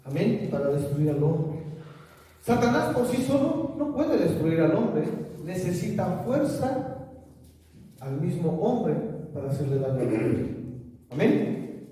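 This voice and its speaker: A man preaching an emphatic sermon in a church, rising to loud exhortations. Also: sits high, very animated, slow pace, pauses often. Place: church sanctuary. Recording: echoey hall, speaker far from mic.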